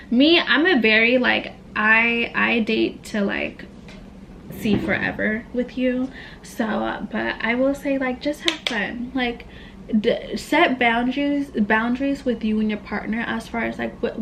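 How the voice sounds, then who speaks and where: Speaking at normal speed with vocal fry and a fairly high pitch, a late-twenties woman from Tacoma, Washington, answers makeup questions in a casual get-ready-with-me video. The beauty vlogger is candid and full of "like" and slang, over a noisy background.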